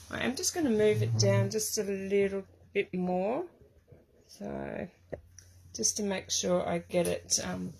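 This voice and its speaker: Hosting a live craft stream from her craft room, this middle-aged Australian from Tasmania talks casually and rambles, saying um a lot. Her voice is croaky and medium in pitch.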